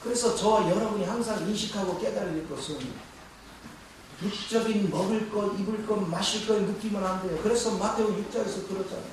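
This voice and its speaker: A man's voice: sits high, brisk, recorded from a distance, background noise. A man preaching a sermon to his congregation, asking rhetorical questions as he goes. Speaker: pastor. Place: church sanctuary. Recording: echoey church hall, mic from afar.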